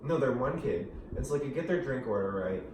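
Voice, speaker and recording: A man's voice: mid-range voice, lively intonation, fast talker. A young man chatting casually as a co-host, telling rambling stories full of fillers and laughs. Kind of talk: casual chat. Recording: echoey room, far from the mic, noisy.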